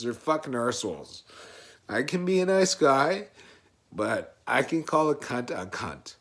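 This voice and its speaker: A man's voice: medium pitch, a bit bright. A man in a casual video blog, venting about his day in a profane, rambling, heated way. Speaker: vlogger.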